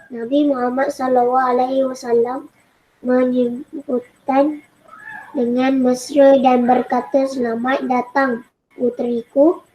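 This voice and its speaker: A woman's voice: high-pitched, mellow, muffled recording. A female pupil reading a text aloud in an online class, carefully, with small stumbles.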